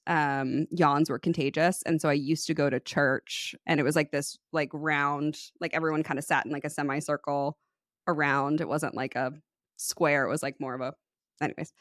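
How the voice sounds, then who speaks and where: Low-voiced woman telling stories, laughing. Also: normal speed, no room sound, clean studio sound. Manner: animated storyteller, laughs often. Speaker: podcast co-host. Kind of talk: casual conversation.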